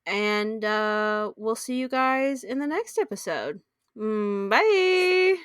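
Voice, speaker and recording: A woman co-hosting a casual podcast, bubbly and given to excited gasps, her voice coming through a tinny backup microphone. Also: a little high, slow pace, clean tone, dry recording, studio quality. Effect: tinny, like talking through a tin can. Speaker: podcast co-host. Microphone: makeshift backup microphone.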